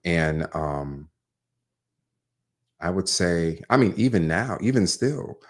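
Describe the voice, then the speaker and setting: A man's voice: sits low, lively intonation, slow. A man tells a candid story as an interview guest. He talks openly and jokes about himself in an easy conversational way. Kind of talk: casual interview chat.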